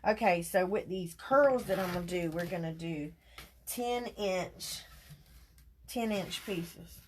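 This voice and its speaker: A woman's voice: fairly low pitch, slow, a little hiss or hum. A woman, chatting casually with her viewers as she hosts a crafting livestream. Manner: chatty, talks to viewers directly and folksy. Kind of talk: casual live chat while crafting.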